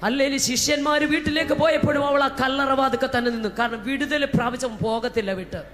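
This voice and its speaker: A woman preacher from Kerala giving a fervent Pentecostal sermon. She swings between shouting and hushed talk and breaks into speaking in tongues. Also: high voice, steady tone, a little fast. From Kerala, India. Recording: echoey hall with faint music.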